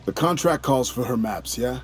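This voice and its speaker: An actor playing a breezy, smug contract killer in a video game, glib and condescending. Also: male voice, medium pitch, expressive, normal speed, slight background noise, lightly acted. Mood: breezy, businesslike.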